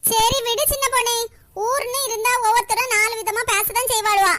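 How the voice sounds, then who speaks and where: A woman voicing several gossiping village women and old grannies in a homemade cartoon, with a high squeaky put-on voice, scolding and quarrelsome. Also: fairly even intonation, a little fast, sharp tone. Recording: noisy homemade recording.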